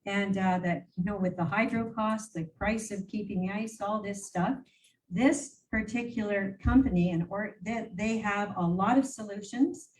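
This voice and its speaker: This is a woman of medium pitch speaking at normal speed, a regional council warden whose first language is English. Reporting to mayors at a council meeting, she's casual and unscripted, rambling chattily with many fillers and restarts. Her voice sounds far off against faint room noise.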